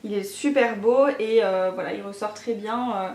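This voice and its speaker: A woman's voice: medium pitch, moderate pace, a little mellow. A woman talking through a makeup tutorial in a chatty way, with many fillers. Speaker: beauty YouTuber. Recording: echoey room.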